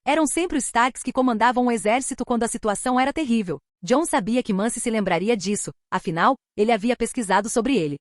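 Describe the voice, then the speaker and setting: A woman narrating a fantasy fan fiction story in a steady, even reading style. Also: fairly high pitch, fairly quick, hardly any pauses, dry recording, studio quality. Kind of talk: scripted narration of a fanfic audiobook.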